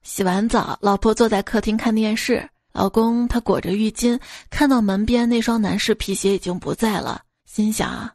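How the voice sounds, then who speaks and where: A woman's voice: mid-range voice, moderate pace, vocal fry, few pauses, darkish tone, no echo, studio quality. A woman hosting a radio joke segment, reading one short gag after another and raising her voice for the quoted characters. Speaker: radio host telling jokes.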